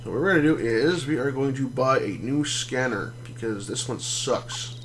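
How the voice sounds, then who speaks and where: A man's voice: mid-range voice, moderate pace, a little hiss or hum. Man rambling through game commentary. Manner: relaxed, rambling explanations with many fillers. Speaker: game streamer. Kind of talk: casual gameplay commentary.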